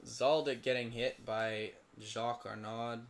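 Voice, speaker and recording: A hoarse, tired teenage boy commenting on a simulated lacrosse league late at night, rambling and mumbling with self-pity between plays. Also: mid-range voice, steady tone, unhurried. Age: teens.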